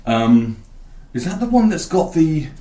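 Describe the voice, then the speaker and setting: A man's voice: on the high side, big pitch swings, measured pace, warm tone, roomy sound. A man hosting a podcast, rambling enthusiastically about an album and thinking aloud. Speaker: podcast host. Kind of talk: casual album talk.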